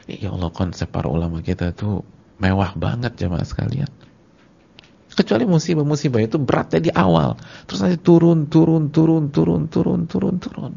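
A man giving a sermon to his congregation in casual slang, repeating words for emphasis and swinging between loud and soft. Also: fairly high pitch, creaky, breathy edge. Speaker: Islamic preacher. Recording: dull lo-fi lecture recording.

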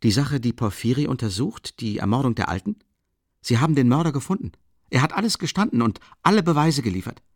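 A man reading an excitable young man who rambles and breaks off mid-sentence. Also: medium pitch, fast, dry recording, studio quality. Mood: excited. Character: agitated young man, excitable, talkative friend.

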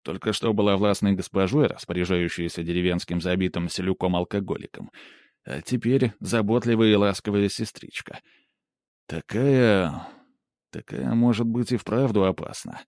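A man's voice: low-pitched, steady tone, fairly quick, darkish tone, no echo. A man narrating a first-person audiobook with a wry, matter-of-fact delivery.

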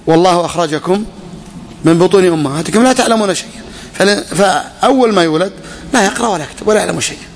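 A man teaching a class on a legal text, questioning his students and repeating key phrases. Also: high voice. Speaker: religious teacher. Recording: echoey hall.

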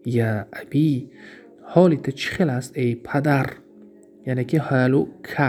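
A man's voice: mid-range voice, warm tone. A man with a Tajik accent teaching Arabic grammar in a recorded lesson, reading each example and then translating it, and posing questions he answers himself. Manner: explains slowly, asks himself questions and answers them.

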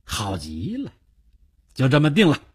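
A man voicing a wary, practical hired gunman who speaks in a terse, grudging way, with a husky voice. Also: medium pitch, wildly swooping pitch, a little slow, heavily acted.

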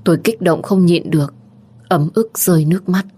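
Brief: female narrator, deep-set voice, first-person romance reading. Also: moderate pace, dark tone, husky.

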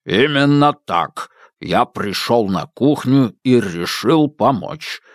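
A man voicing an earnest, self-important old male household robot that speaks slowly and flatly. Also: mid-range voice, no room sound, clean studio sound. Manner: slow, flat, self-important.

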